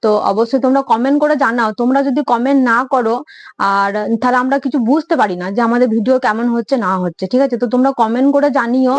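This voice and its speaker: A young woman prank vlogger talking casually and rapidly to her viewers from home. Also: fairly high pitch. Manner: chatty, rapid, addresses viewers directly. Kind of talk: casual vlog talk to viewers.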